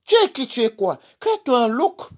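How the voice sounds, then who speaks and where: A man's voice: very high voice, very animated, a little fast, a bit bright, slight background noise. Cameroonian French man, livestream rant, honeyed mocking insults, keeps repeating his jabs. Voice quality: honeyed, sweet-toned insults.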